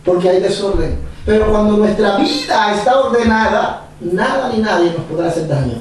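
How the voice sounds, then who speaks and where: A male pastor preaching a sermon, animated and repetitive, chuckling as he speaks. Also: high voice, normal speed, slight background noise. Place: church hall. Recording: echoey church from far off.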